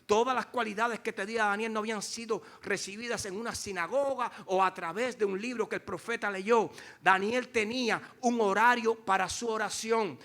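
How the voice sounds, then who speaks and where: A male pastor preaching a sermon to his congregation, swinging between loud declarations and hushed, slow phrases, and calling for responses. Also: sits high. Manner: addresses congregation directly, calls for responses.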